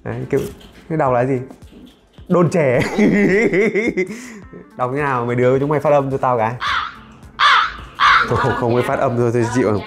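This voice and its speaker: A man's voice: medium pitch, fairly even intonation, fast talker, pauses often, music in the background. A man, chatting casually and jokingly while unboxing tech gear as a channel host. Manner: chatty, jokey, talks while handling items.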